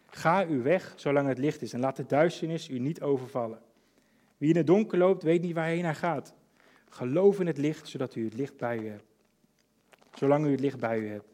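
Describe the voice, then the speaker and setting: Male pastor, 30s, sermon; earnest, hushed at times, then urging. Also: medium pitch. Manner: earnest, shifts between hushed intimacy and emphatic urging.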